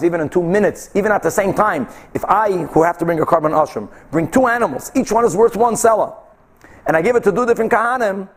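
A man teaching a religious text, reading and explaining aloud, asking and answering his own questions and repeating phrases for emphasis. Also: sits high. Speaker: Talmud teacher.

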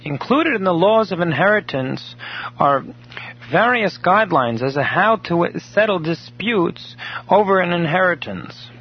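A man teaching a recorded daily Torah class, telling a story in a measured way and explaining Hebrew terms in English. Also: sits high, lively intonation, breathy edge. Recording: dull lo-fi recording.

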